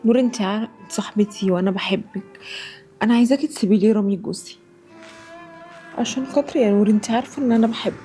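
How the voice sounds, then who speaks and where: An actress voicing a jealous, dramatic young wife in a comedy sketch, with an Egyptian Arabic accent and a sarcastic, shrill way of talking. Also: female voice, fast talker, pauses often, warm tone, faint music behind, close to an everyday voice. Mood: bitter pleading.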